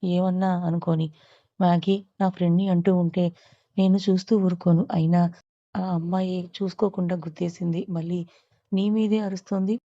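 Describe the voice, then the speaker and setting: Lady doing a sassy loyal best friend, talks back, low even voice. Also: moderate pace, dry recording, lo-fi sound, close to an everyday voice. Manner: teasing, outspoken. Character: bold, loyal young woman, protective friend.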